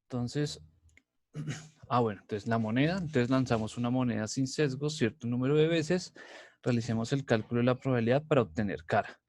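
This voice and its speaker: A man's voice: medium pitch, fairly quick, a little mellow, no echo. A male math teacher from Colombia giving a recorded lecture, explaining step by step and checking in with the class again and again. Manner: repetitive, many "entonces" and "¿sí?" checks.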